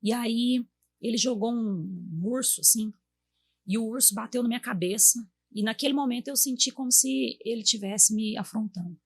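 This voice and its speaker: A woman's voice: a little high, normal speed, husky. A woman in her thirties with a Brazilian Portuguese accent, a guest in a casual chat, telling stories about her children and acting out what she said to them. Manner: warm storytelling, acts out quotes to her kids.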